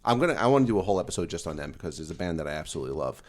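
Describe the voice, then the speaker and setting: A man in his thirties with a very low, deep voice co-hosts a casual podcast chat. He tells his stories eagerly and at length. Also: big pitch swings, racing. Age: 30s. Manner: enthusiastic storyteller. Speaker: podcast co-host.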